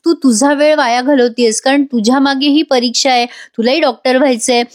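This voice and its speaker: A woman doing Shubhankar, a gentle worried father. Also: high voice, steady tone, brisk, dry recording, clean studio sound, natural voice.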